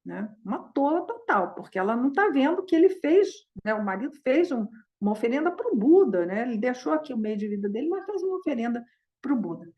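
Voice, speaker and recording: An ancient king speaks slowly and reassuringly. He sounds devout and composed, in a fairly high voice. A woman telling a teaching story acts him out. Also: sing-song, highs cut off. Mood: musing. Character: ancient Indian king, calm and devoted.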